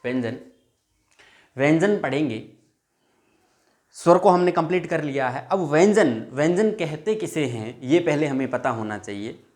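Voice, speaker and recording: A man's voice: on the high side, animated, unhurried, pauses often, a little mellow. A male teacher giving a classroom lesson, repeating each point and drawing out example sounds, calling viewers his friends. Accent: Hindi.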